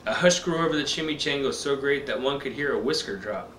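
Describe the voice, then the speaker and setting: Dad reading to a toddler, bright expressive voice, kinda echoey room w faint noise. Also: male voice, medium pitch, a little fast. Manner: expressive, simple storybook delivery. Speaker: father reading picture books to his child.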